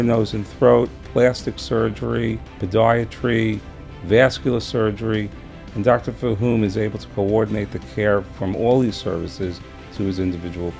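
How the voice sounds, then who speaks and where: A man speaking in a steady, admiring way about a colleague in an interview. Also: fairly low pitch, vocal fry. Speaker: hospital colleague. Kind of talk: tribute interview. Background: soft background music.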